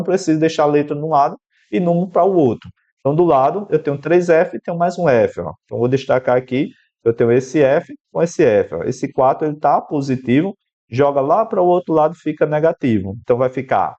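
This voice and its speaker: A male math teacher with a Brazilian Portuguese accent walks through an equation one step at a time, talking straight to the student. His voice sits at an ordinary middle pitch, and the recording sounds a little dull and lo-fi. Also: dark tone. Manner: explanatory, working step by step through an equation, addressing the student directly. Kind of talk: exam-prep math lesson.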